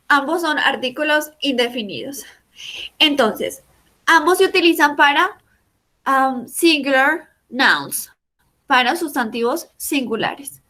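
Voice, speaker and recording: A woman's voice: high voice, bright, forceful tone. A woman teaching a class online through a video call, explaining patiently step by step and repeating examples. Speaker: English teacher.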